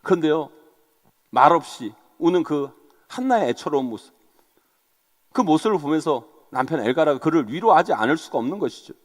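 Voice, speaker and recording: A man preaching a sermon as senior pastor, talking directly to his congregation. His voice sits high, and he plays out quarrels in character. The sound rings with a long hall reverb. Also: lively intonation, fairly quick. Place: church sanctuary.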